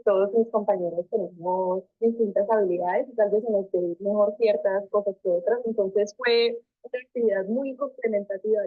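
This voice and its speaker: A woman's voice: medium pitch, no echo. A young woman student answering interview questions thoughtfully, hesitating with many fillers. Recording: tinny phone-like call audio.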